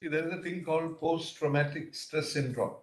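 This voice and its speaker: A man with an Indian English accent, sitting as a judge, puts questions to counsel haltingly, leaning on lots of fillers. He speaks a little fast, his voice a little high with fairly even intonation, and the courtroom recording has an echo.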